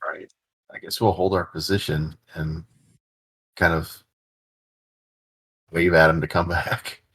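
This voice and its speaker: Gravelly low-voiced man at a game table. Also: flat delivery, takes it slowly, fairly bright tone. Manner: hesitant, asks many questions. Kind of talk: casual tabletop game chat.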